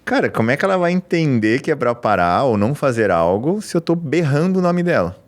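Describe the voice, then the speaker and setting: A man's voice: mid-range voice, brisk. A man hosting a podcast, chatting casually and telling a personal story about his dog. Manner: relaxed, tells personal anecdotes. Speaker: podcast host.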